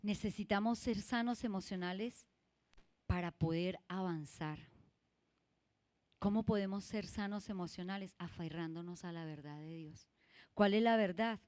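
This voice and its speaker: Slow-preaching woman church leader. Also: medium pitch, darkish tone. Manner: emphatic, calls out questions to the congregation. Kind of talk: sermon.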